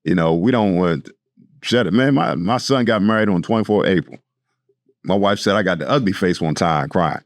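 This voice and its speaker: A middle-aged man speaks in a low, deep voice on a studio panel, talking plainly about fatherhood. He repeats his key points for emphasis, and the room sounds dry and close. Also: normal speed, no echo. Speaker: fatherhood program director, retired police officer. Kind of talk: casual panel talk. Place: podcast studio.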